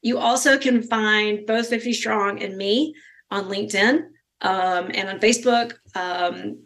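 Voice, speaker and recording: A woman giving interview answers as a podcast guest, polite and measured, sometimes halting and repeating words. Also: medium pitch, a bit bright. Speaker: podcast guest from a nonprofit organization.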